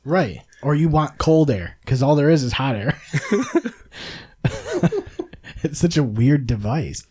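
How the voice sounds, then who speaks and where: Animated, laughing man in casual chat. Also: mid-range voice, takes it slowly, pauses often, husky. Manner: laughing, swearing, animated storytelling.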